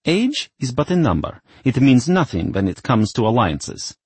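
A man's voice: medium pitch, sing-song, normal speed, husky, no echo, voice pushed up. A man reading a story, voicing a stern, scheming middle-aged mother who scolds her daughter. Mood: cold. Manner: curt, scolding.

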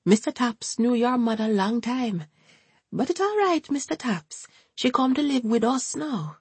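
Woman putting on an elderly lady, high quavery voice, fussing, devout, breathy, dry. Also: animated, a little slow, darkish tone, no echo, exaggerated voice. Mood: anxious. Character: fretful elderly Jamaican woman, pious and tearful.

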